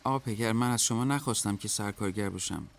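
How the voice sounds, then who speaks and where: A calm, clever teenage foreman. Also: fairly low pitch, gravelly. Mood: composed. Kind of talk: radio drama acting.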